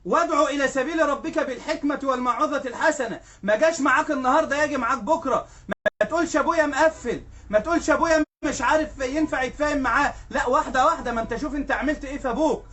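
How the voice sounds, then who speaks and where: Egyptian male preacher, very high voice, quick chatty sermon that keeps checking in with listeners. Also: sharp tone. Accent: Egyptian Arabic. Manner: storytelling, keeps asking "right?". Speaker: sheikh preacher. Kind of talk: conversational sermon.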